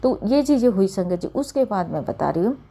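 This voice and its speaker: A middle-aged woman shares a personal experience at satsang, speaking earnestly in a mellow, medium-pitched voice with lively intonation and a fairly quick pace. She often addresses her listeners respectfully as she gives her testimony.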